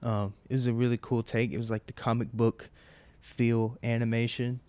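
A man's voice: mid-range voice, flat delivery, moderate pace, dark tone, no room sound. A man in his twenties hosting a podcast on his own, talking in a loose, rambling way with lots of "like" and casual swearing. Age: 20s. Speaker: podcast host. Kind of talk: casual solo podcast monologue.

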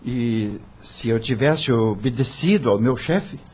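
In a radio drama, an actor plays an earnest young male lawyer who sounds discouraged and doubtful, pleading respectfully with a Brazilian accent. His mid-range voice is slow and slightly rough, and the audio is dull.

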